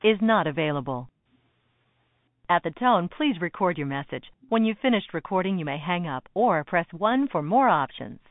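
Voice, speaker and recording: A woman's recorded voice giving an automated answering machine message in an even, measured, formal way. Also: lowish voice, dry recording. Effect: answering machine message over a phone line. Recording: tinny dry phone line.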